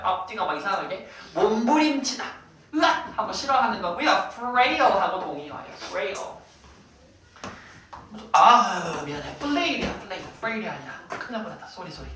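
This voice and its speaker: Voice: medium pitch, fairly bright tone. A teacher giving a playful, teasing vocabulary lesson in a classroom, quizzing the students as they go. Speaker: English teacher. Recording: very echoey room, voice far from mic.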